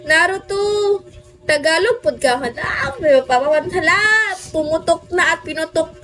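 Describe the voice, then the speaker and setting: A woman's voice: very high voice, expressive, measured pace, fairly bright tone, faint music behind. A woman from the Philippines with a Filipino accent, chatting on a livestream and greeting viewers by name. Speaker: livestream host. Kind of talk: casual livestream chat.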